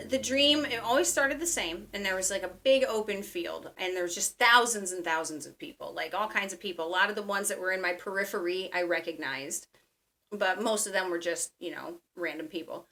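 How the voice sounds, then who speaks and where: A woman's voice: medium pitch, moderate pace, sharp tone. A woman telling the story of a recurring dream in a chatty way, full of fillers. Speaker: dreamer guest. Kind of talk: conversational storytelling.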